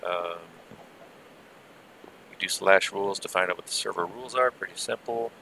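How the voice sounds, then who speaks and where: Guy with a low gravelly voice on a low-quality stream, bright edge, easygoing rambling game talk over an old headset. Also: moderate pace, a little hiss or hum. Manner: rambling, easygoing, with muttered asides. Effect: low-quality stream audio from an old headset. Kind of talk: casual live gameplay commentary.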